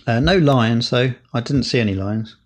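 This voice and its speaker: A man's voice: mid-range voice, normal speed. A man co-hosting a podcast, chatting casually with frequent fillers and restarts. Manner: rambling, hesitant, many fillers. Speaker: podcast co-host. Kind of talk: casual chat.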